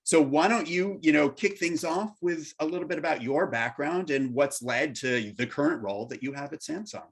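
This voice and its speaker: A man hosting a casual interview over a video call, with halting, hesitant phrasing. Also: a little high, slightly rough. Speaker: interview host. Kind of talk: casual hosted conversation.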